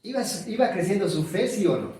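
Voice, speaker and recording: High-voiced preacher in an echoey hall. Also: male voice, expressive, a little fast, mellow, far from the mic. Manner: asks the congregation questions and repeats key words. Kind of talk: sermon.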